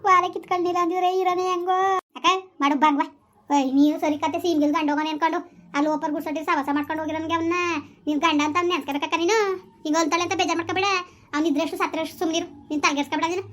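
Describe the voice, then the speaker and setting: A no-nonsense village neighbour in a homemade comedy skit, played by a woman. She talks fast and very high, keeping her pitch level as she scolds. Her comforting comes out matter-of-fact. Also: fairly even intonation. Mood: scolding comfort. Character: blunt village woman consoling her friend.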